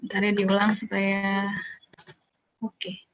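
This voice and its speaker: A woman with a mid-pitched voice, distracted and pausing often as she tries to get her screen share working. The sound is dry and a bit dull, as on a video call. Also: completely flat delivery, no echo. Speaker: presenter. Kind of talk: casual chat while fixing screen share.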